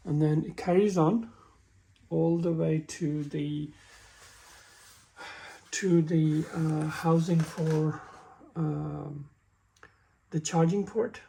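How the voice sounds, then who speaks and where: A man talks through a car repair in a workshop, his voice deeply gravelly and husky. He stumbles and restarts sentences often as he shows the parts, keeping an unhurried, casual tone. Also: steady tone, mellow. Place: workshop with a work table.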